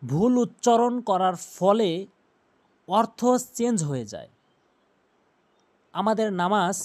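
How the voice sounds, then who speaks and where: A man teaching prayer pronunciation. He spells each sound out syllable by syllable, repeats it, and chants the words in a drawn-out recitation. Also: sits high, darkish tone. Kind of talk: slow tutorial on prayer pronunciation.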